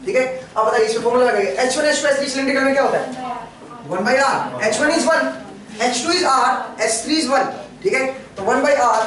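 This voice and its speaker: High-voiced lecturer in an echoey classroom. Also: male voice, distant mic. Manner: questioning, prompts students constantly. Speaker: engineering lecturer. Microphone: camera far from the speaker.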